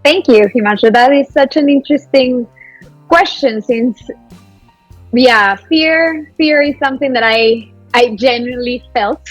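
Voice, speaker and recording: A woman's voice: high-pitched, measured pace, husky, dry recording, soft background music, rough recording. A woman from Peru, a podcast guest chatting casually and laughing often. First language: Spanish.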